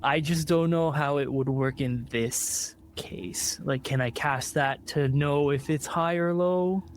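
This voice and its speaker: A man's voice: a little high, slow pace, a little hiss or hum. A man playing a tabletop game, hesitantly asking the game master about rules. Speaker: player.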